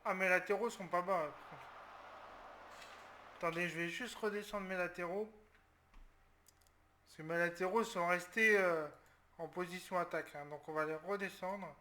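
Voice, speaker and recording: A man from France talks through a football video game match as he plays it. His voice is high and bright, and he sounds tense as he explains each tactical change, with sudden loud cries when a play goes wrong. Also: steady tone, normal speed, pauses often, a little hiss or hum. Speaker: gaming video creator. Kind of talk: live football game commentary.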